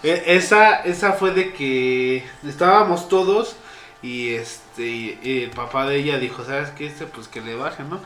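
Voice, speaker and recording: A man's voice: medium pitch, measured pace, a bit bright, echoey room. A young man with a Mexican accent telling a party story in casual chat, rambling with lots of slang and fillers. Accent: Mexican Spanish. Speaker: podcast co-host.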